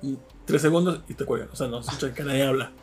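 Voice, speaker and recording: A man's voice: mid-range voice, very fast, a little mellow, faint music behind. A man with a Mexican Spanish accent in casual podcast chat, joking and using crude slang. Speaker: podcast co-host.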